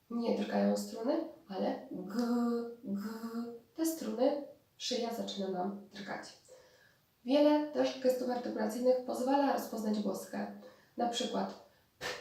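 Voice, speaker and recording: Brief: woman therapist lecturing, a bit high and gravelly, recorded far off in a roomy hall. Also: dark tone. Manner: explanatory, with restarts and hesitations. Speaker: speech therapist. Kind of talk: spoken lecture on therapy methods. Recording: distant mic in very echoey room.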